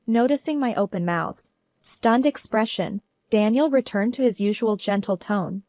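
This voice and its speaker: A woman telling a first-person story as narrator, in a steady, earnest way. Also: medium pitch, moderate pace, dry recording.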